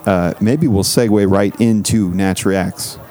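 Deadpan low-voiced man cohosting. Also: measured pace, slight background noise. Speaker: podcast co-host. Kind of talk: casual comedic podcast banter.

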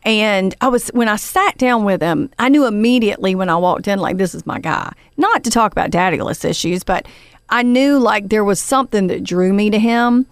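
A woman hosting her podcast, talking loosely and chattily with plenty of fillers. Her voice sits in an ordinary middle pitch. It is recorded close and dry. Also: moderate pace, no room sound. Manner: chatty and warm, many fillers, addresses the guest as honey. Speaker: podcast host. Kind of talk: casual podcast storytelling.

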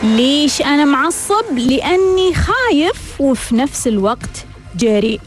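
A woman hosts a self-help show in a high, lively voice that swings widely in pitch. She keeps posing rhetorical questions and answering them herself, while faint music plays underneath. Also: measured pace. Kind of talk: scripted self-help monologue.

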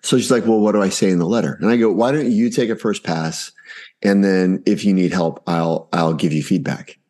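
Guy in his 40s on a podcast, lowish voice, animated storytelling, acts out the back-and-forth. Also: a little fast. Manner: animated, acts out family dialogue. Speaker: podcast guest. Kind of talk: casual anecdotal storytelling.

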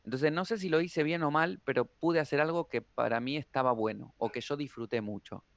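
Man, guest tarot reader, lively storyteller, dry close sound. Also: a little high, brisk, creaky, no room sound. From Argentina. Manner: animated storyteller, playful, slips into impressions. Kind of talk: casual interview chat.

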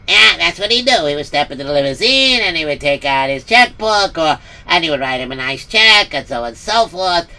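A man's voice: a little high, animated, brisk, hardly any pauses, pushed and bright. A man narrating a story casually, rambling with many fillers and repetitions.

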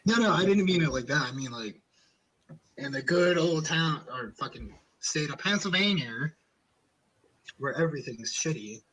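A man hosting a podcast in casual chat, with a fairly high voice. He rambles and swears a lot as he talks. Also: lively intonation, moderate pace, a bit bright, a little hiss or hum, rough recording. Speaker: podcast host.

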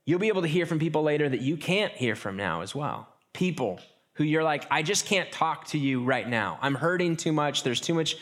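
Preaching with an easygoing, talky style, this man has a higher-than-average voice. Phrases get restarted frequently, and now and then he drops into brief acted-out asides.

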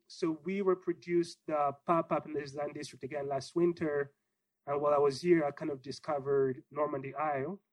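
Relaxed man with a dry close sound. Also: a little high, dry recording, low-quality recording. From Congo, raised in Israel. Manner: relaxed, rambling with many fillers. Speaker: gallery owner guest. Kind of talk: casual interview answer.

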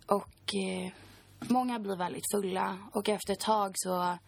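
A woman's voice: mid-range voice, steady tone, gravelly, dry recording. A woman in her twenties, a podcast guest, recounting a personal story in a chatty way full of fillers.

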